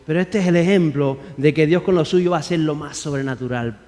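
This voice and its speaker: A man's voice: a little high, brisk, a little mellow, long reverb tail. A man preaching a sermon as pastor, emphatic, firing rhetorical questions and calling on the congregation to repeat after him.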